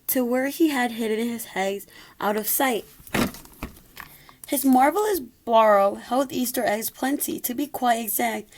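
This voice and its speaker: A woman with a fairly high voice reads a rhyming picture book for children. Her delivery is expressive and story-like, with an occasional small stumble over the words. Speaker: storybook reader.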